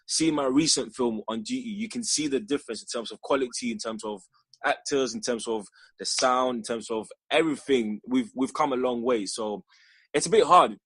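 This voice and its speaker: Husky-voiced young man chatting casually. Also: medium pitch, moderate pace, a bit bright, no room sound. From Ghana. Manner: rambling, restarts often, laughs easily. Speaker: filmmaker guest. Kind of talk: casual interview chat.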